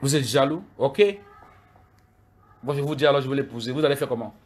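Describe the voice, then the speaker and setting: Heated husky man ranting. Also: mid-range voice, steady tone, fairly quick. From Cameroon. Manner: heated, repetitive, addressing critics directly. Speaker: live video streamer. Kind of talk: angry livestream rant.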